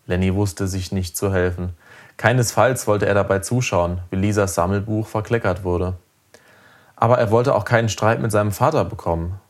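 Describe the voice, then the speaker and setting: A man narrating a children's story aloud in a lively, expressive way. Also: fairly low pitch, normal speed. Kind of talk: audiobook storytelling.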